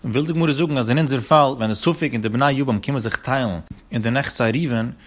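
A man teaches a legal text at a quick clip, laying out each case in turn. His voice is husky and a little breathy. He talks in a sing-song lecturing cadence that rises and falls through each point. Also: mid-range voice. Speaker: Talmud teacher.

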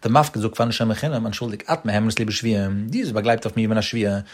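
A man teaching a religious law lesson at a brisk clip, his voice somewhat husky and breathy. He explains emphatically, with abrupt leaps up in pitch on key points.

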